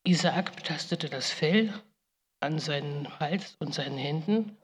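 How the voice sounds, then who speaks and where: A woman's voice: low voice, unhurried, in a large hall. Rebekka, a woman playing a grieving biblical mother. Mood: solemn lament. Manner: solemn, grave, with sudden pleading outbursts. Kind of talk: dramatic first-person monologue.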